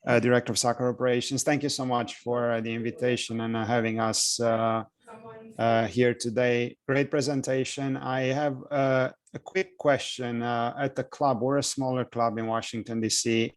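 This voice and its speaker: A man directing a soccer club asks a polite question on a video call, halting with many fillers. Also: medium pitch, flat delivery, no room sound.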